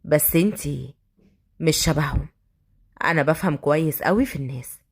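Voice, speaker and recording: A woman voicing a brooding young male street thug with an Egyptian accent, speaking slowly and in a hushed, menacing way. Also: sits low, lively intonation, voice pushed down.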